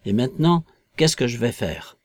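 A man's voice: medium pitch, lively intonation, moderate pace, darkish tone, dry recording, natural voice. A man voicing a harsh, domineering invisible man. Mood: desperate. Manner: commanding, threatening, contemptuous.

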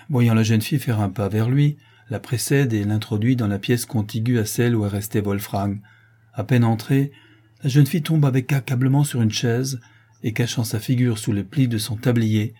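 A man narrating a classic novel aloud in a steady, measured reading style. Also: mid-range voice, husky. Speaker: audiobook narrator. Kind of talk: scripted narration.

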